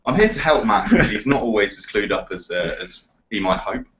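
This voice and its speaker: A man's voice: lowish voice, very animated, brisk, a bit bright. A man from Essex with a southern English accent, co-hosting a casual chat about cars. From Essex, England. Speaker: web producer and co-host. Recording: slightly dull sound, faint background noise.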